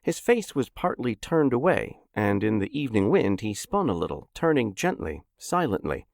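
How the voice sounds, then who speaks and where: A man narrating a story in an expressive, dramatic audiobook style into a close mic. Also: medium pitch, normal speed, no echo. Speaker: narrator and host.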